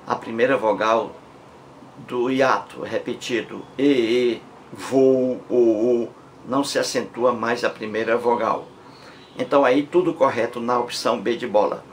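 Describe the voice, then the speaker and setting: Slow, methodical male grammar teacher. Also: mid-range voice, slight background noise. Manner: slow, repetitive, spelling out forms step by step. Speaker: Portuguese language teacher. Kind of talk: grammar lesson explaining a test question.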